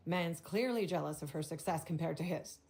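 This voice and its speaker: Game NPC: a polite but catty hotel clerk, formal phrasing, slightly low voice. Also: female voice, brisk, a little mellow. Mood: gossipy. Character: prim gossipy female hotel desk clerk. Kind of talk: video game voice acting.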